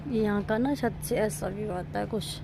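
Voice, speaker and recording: A woman's voice: medium pitch, moderate pace, background noise. A woman chatting straight to her viewers in a casual family vlog, filmed at home on a handheld phone. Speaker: vlogger mother. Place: at home, later on the rooftop. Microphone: handheld phone camera.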